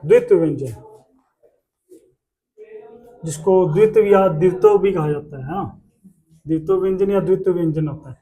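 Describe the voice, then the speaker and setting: A man's voice: high-pitched, a little fast, warm tone. A man teaching a class, asking questions and repeating the answers himself. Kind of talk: classroom lesson.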